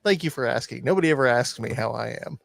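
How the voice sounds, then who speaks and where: A man's voice: medium pitch, animated, fast, gravelly, no echo. A man hosting a podcast, joking and swearing in loose banter. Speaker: podcast host. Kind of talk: casual chat.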